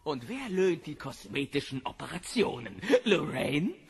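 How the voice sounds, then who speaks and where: An actor playing a brutish, bullying rich husband in an audio drama, sneering and menacing. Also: male voice, fairly high pitch, big pitch swings, a little slow.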